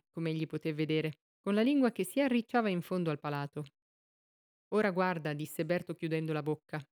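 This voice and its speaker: A woman reading a literary novel aloud in a steady, measured storytelling manner. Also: on the low side, clean tone. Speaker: audiobook reader.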